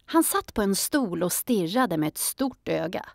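A woman narrating a children's audiobook in a calm storytelling manner. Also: mid-range voice, vocal fry, no echo, clean studio sound.

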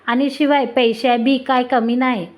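A woman's voice: high-pitched, fairly even intonation, measured pace. A woman storyteller voicing a boastful, wealthy young man. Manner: swaggering.

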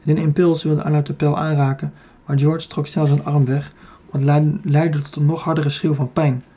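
A man's voice: a little high, little pitch movement, moderate pace, mellow. A man with a Dutch accent narrating a children's fantasy audiobook, reading steadily with the odd slip and self-correction.

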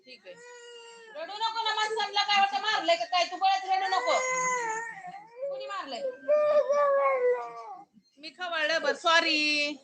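A woman's voice: extremely high pitch, unhurried, long pauses, heavy background noise. A woman on a casual home live stream, coaxing and scolding a crying child. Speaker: vlogger.

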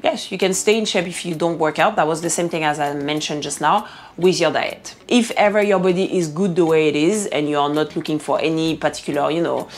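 A woman's voice: deep voice, brisk, soft background music. A woman with a French accent answering viewer questions to camera in an earnest, encouraging way, often restarting her sentences. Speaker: fitness and nutrition vlogger. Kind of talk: casual Q&A monologue to camera.

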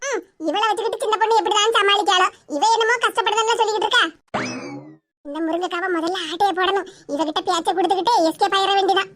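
A woman's voice: very high voice, steady tone, racing, hardly any pauses. A woman voicing a scheming, sweet-talking village neighbor in a cartoon, with a Tirunelveli Tamil accent, muttering sly asides. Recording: loud background noise.

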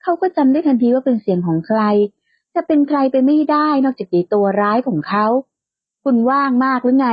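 Woman reading a romance audiobook, calm and steady, dull dry home-studio sound. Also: sits high, fast talker, slightly rough, no echo. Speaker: audiobook narrator. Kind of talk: scripted audiobook narration.

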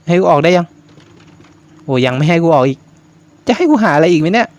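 ผู้ชายเสียงสูง เล่นเกมสยองขวัญแบบตกใจง่าย. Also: male voice, a little high, very animated, brisk, dry recording. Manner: jumpy, swears casually, talks to viewers. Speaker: gaming YouTuber. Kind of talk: horror game commentary.

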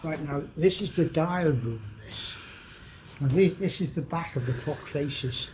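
A slightly high, slightly slow male voice comes from an older man with a Northern English accent, an expert on church clocks, who guides a visitor around a church clock tower. He explains things plainly and matter-of-factly on the walking tour, even sounding out the chimes. It's dull, lo-fi audio with background noise, caught on a moving handheld camera mic inside a stone tower.

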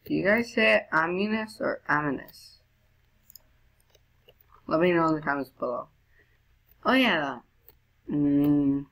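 Low-voiced unhurried woman gaming. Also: vocal fry, muffled recording. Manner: chatty, with high excited squeals. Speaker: gamer. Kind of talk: let's play commentary.

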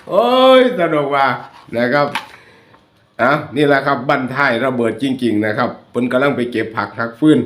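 A man with a Northeastern Thai Isan accent, hosting his channel and chatting jokingly with viewers over photos. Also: medium pitch. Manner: chatty, joking, addresses viewers as brothers and sisters. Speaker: YouTube channel host. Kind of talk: casual commentary over photos. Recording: roomy echo.

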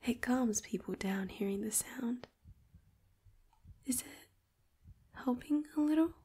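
A woman voice actor plays a devoted young robot girl with a possessive streak in a tender audio roleplay. In a breathy, slightly high half-whisper with a dark tone, she murmurs slowly, lingering on each word as she dotes on the listener as her Master, all heavily acted.

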